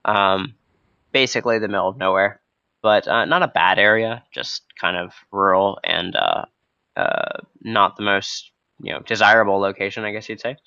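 A young man hosting a casual, spontaneous podcast with a hoarse, froggy voice from a cold, talking in a hesitant, unscripted way. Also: on the low side, normal speed, pushed and bright, no echo. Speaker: podcast host. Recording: dull, lo-fi close recording.

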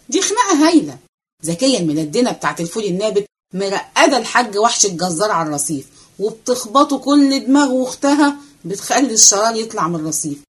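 A woman voicing a restless, cheeky young male servant with an Egyptian accent, chattering fast and excitedly. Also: a little high, breathy edge. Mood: hurried. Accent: Egyptian Arabic. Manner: excited rapid chatter, running commentary.

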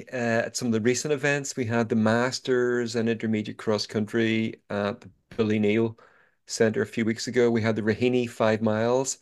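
Mid-pitched man co-hosting. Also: clear, resonant tone. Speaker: podcast co-host. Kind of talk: casual presenting of a running agenda.

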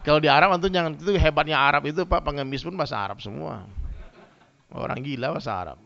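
Male preacher telling stories to his congregation, bright tense tone, gravelly edge. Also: fairly high pitch, a little fast, long pauses. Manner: lively storytelling, addresses listeners directly. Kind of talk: humorous sermon with anecdotes. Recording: dull lo-fi sound.

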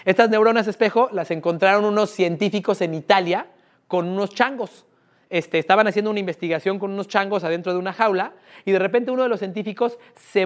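A man with a Mexican accent running a live sales workshop, asking the audience frequent questions. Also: high-pitched. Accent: Mexican Spanish. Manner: lively, asks the room questions often. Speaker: sales trainer.

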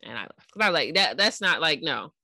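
A woman's voice: low-pitched, a little fast, dry recording, clean studio sound. A woman in her thirties chatting casually as a podcast co-host, telling stories and acting out what other people said. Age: 30s. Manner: animated storyteller, acts out quoted people. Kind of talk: casual chat.

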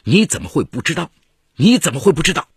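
A man reads out a wronged young husband in a storytelling show, a husky, insistent voice that leaps up and down as he protests. The sound is dry and close, with no room around it. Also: medium pitch, lively intonation, fairly quick, a bit bright, no echo. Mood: furious.

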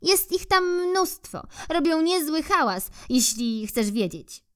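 A woman doing a high, chirpy, eager squirrel. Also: sing-song, slow pace, heavily acted. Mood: chatty. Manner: high, bright and coaxing. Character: eager, persistent female squirrel who loves climbing. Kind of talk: storybook reading for children.

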